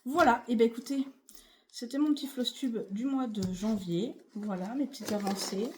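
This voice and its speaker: A woman's voice: on the high side, normal speed. A woman vlogging casually about her cross-stitch projects, rambling and chatty with many fillers. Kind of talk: casual chatty craft vlog.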